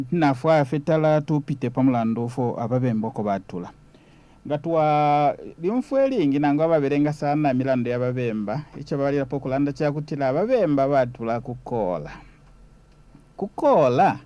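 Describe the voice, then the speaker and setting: Man, Zambian accent, medium pitch, very mellow tone, conversational history talk. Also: highs cut off. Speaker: guest explaining history.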